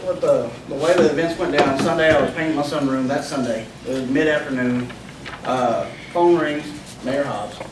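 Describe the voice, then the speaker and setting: A city public works worker telling a council step by step what happened, quoting what others said. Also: male voice, medium pitch, moderate pace. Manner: plain step-by-step retelling, quotes others. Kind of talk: recounting events at a council meeting. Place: council chamber. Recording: echoey room, distant, hissy.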